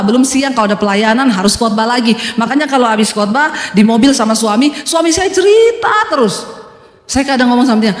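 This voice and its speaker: A high-pitched woman pastor delivers an emphatic sermon, breaking into humorous asides and acting out what people say. Her voice rings with a long reverb through a big echoey hall. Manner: emphatic preaching with humorous asides and acted quotes.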